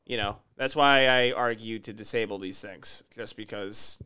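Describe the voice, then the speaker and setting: A man's voice: lowish voice, moderate pace, sharp tone, clear, resonant tone. A man co-hosting a podcast, rambling casually and repeating words as he talks. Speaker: podcast co-host.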